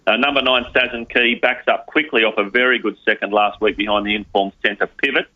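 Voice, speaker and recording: A man's voice: lowish voice, steady tone, fairly quick. A man giving horse racing tips on a podcast, in punchy phrases full of numbers and names. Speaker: racing tipster. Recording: slightly muffled, lo-fi audio.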